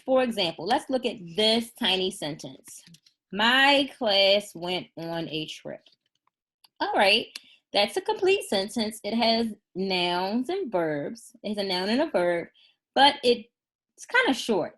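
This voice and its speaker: A woman teaching a first grade class in a recorded remote lesson, patient and encouraging, slowing down to spell out sample sentences. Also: medium pitch, sing-song, a bit bright. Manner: slow, deliberate dictation of sample sentences.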